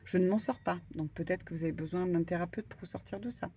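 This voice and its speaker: A woman medium giving a casual spiritual card reading, talking in an animated, stumbling way with many fillers. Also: on the low side, fast talker, a little hiss or hum. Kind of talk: spiritual guidance talk, casual.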